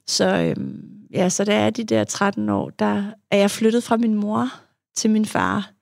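A young woman speaks frankly about her past and her work, pausing for thought with fillers. Her voice is heavily gravelly with vocal fry. The sound is close and dry, with no room echo. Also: mid-range voice, sing-song. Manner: frank, reflective, with frequent fillers. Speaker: guest, adult child of an alcoholic; youth therapist. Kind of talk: candid conversational storytelling.

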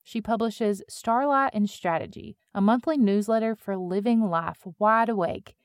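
A woman reading a guided meditation as a podcast host, with a gentle, soothing, unhurried delivery and pauses between phrases. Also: mid-range voice, no room sound, clean studio sound.

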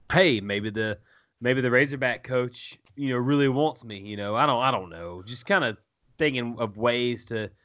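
A man's voice: mid-range voice, fairly bright tone. A man hosting a casual sports talk show, putting questions to his co-talker in a conversational way. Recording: muffled, band-limited audio.

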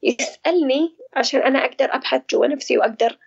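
A woman, speaking as an interview guest about her own experience, pausing often to search for words. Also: high voice, creaky, slightly rough, highs cut off. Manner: hesitant, searching for words, reflective. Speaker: guest sharing personal experience. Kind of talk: casual conversational interview.

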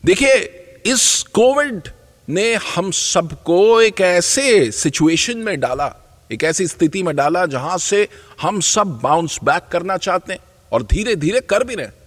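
A man's voice: high-pitched, lively intonation, unhurried, a bit bright, big-room sound. A man hosting a podcast, giving an enthusiastic scripted introduction in an announcer-like way. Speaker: podcast host.

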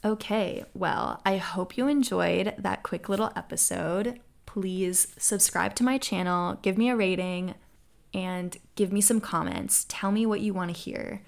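A young American woman hosts a solo Q&A podcast, replying to listeners with earnest enthusiasm. Her mid-range voice is creaky, and she keeps a measured pace.

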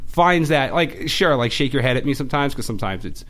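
A young man with a Boston accent who talks very fast in a mid-range voice. He chats informally and tells stories on himself in a self-deprecating way, like a guest at ease in an interview. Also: mid-range voice, lively intonation, fairly bright tone. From Boston, USA. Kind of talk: casual chat, storytelling.

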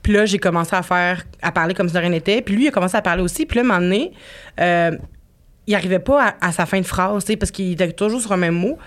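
A woman's voice: on the low side, fast talker. A young woman with a Québécois accent hosting a podcast in casual, rambling chat, laughing often. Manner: chatty, laughs often, loose rambling phrasing. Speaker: podcast host.

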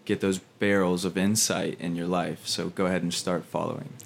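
Deep-voiced man co-hosting a podcast. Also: gravelly. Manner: relaxed, halting with restarts. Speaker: podcast co-host and meditation instructor. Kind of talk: casual podcast chat.

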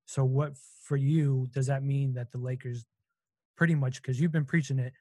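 A man hosts a casual sports talk in a mellow, fairly flat voice, asking long, rambling questions. The sound is close and dry. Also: mid-range voice, normal speed, no room sound.

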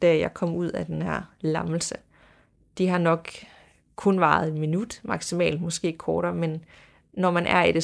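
Woman with a gravelly, hushed storytelling voice. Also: on the low side. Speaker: podcast host. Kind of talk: storytelling podcast, reading eerie accounts aloud.

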